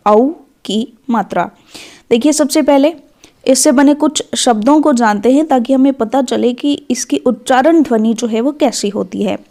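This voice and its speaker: Slow, high-voiced woman teaching children. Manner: slow, drawn-out syllable-by-syllable reading; gentle addressing of children. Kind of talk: children's phonics lesson.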